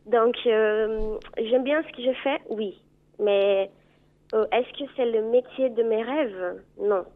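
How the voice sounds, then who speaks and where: Woman, 20s, Brazilian Portuguese accent, hesitant, filler pauses, thin phone-line sound. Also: a little high. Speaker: caller. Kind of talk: radio call-in chat.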